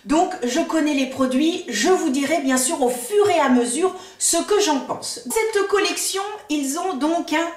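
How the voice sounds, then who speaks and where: A woman's voice: sits high, lively intonation, unhurried, hardly any pauses. A woman beauty vlogger chatting casually about products, with frequent hesitations and fillers, sometimes reading product descriptions aloud. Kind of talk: casual product-review chat. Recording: echoey room, mic at a distance.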